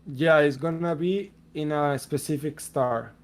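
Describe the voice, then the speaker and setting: A man with a Spanish accent answering community questions on a voice call in a relaxed, explanatory way. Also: fairly high pitch, a little slow. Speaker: game developer answering questions. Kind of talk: casual voice-chat Q&A.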